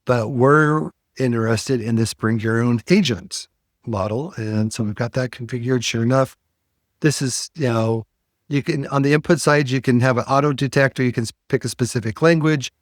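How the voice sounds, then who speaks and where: A man hosting a podcast, walking through a software demo in a casual, explanatory way with frequent fillers. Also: medium pitch, normal speed, dry recording, clean studio sound. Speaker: podcast host.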